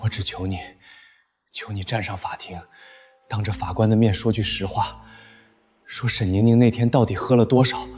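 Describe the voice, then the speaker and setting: Impassioned grieving son, high voice. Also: male voice, lively intonation, moderate pace, pauses often. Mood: broken pleading. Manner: pleading, impassioned, tearful. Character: grief-stricken, fiercely determined son seeking justice for his father. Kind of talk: emotional short-drama acting.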